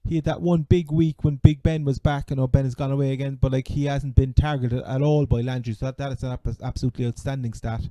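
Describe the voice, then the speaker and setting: A man with a Cork Irish accent chatting casually as a sports podcast host, halting and repeating words as he goes. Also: medium pitch, fairly even intonation, dark tone, no echo. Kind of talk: casual fantasy American football chat.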